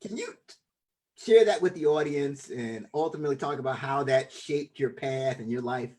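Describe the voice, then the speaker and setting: A man's voice: medium pitch, moderate pace, warm tone. A man hosting a podcast, introducing a guest with enthusiasm and often stumbling over and repeating his words. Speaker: podcast host. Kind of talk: casual interview introduction.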